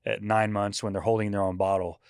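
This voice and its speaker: A man in his forties talks in a relaxed, meandering way and laughs readily as he tells his stories. His voice sits low. The sound is close and dry. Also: a little fast, clean tone, no room sound. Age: 40s. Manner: relaxed, rambling storyteller who laughs often. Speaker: podcast guest. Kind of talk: casual chat.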